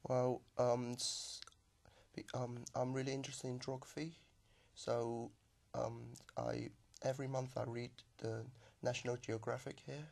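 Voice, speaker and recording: Hesitant young man, gravelly and flat. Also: mid-range voice, a little slow. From Macau. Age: young adult. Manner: hesitant, many ums and restarts. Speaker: exam candidate. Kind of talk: speaking exam answers.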